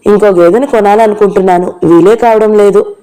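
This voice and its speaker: A loud, bossy village matron who teases and grumbles about money, as a woman reading a novel puts her on. The voice is mellow and dark in tone, with an even, middling pitch. She scolds freely and sounds set in her ways. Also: brisk, close to an everyday voice. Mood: scolding. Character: loud teasing middle-aged village woman, thrifty mother.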